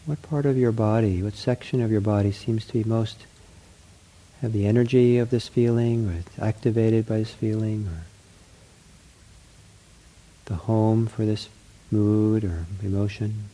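A man leading a guided mindfulness meditation, speaking gently in short, unhurried phrases with an accepting, reassuring counselor's manner. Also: lowish voice, steady tone, rough recording.

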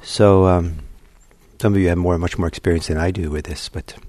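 A man with a low, settled voice leads a meditation talk. He speaks gently and without hurry, pausing often on soft "uh"s. The sound is close and dry, with no room around it. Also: fairly even intonation, no room sound. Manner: gentle, unhurried, many soft fillers. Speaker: meditation teacher. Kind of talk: dharma talk leading into guided meditation. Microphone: computer livestream setup.

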